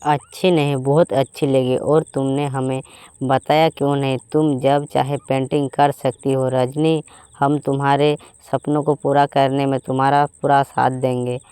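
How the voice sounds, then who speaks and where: A man's voice: medium pitch, little pitch movement, normal speed, warm tone, clear, resonant tone, dry recording, lightly acted. A man voicing a chiding but motherly mother-in-law in a storybook tale. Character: mother-in-law, fussy then kindly. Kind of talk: storybook voice acting.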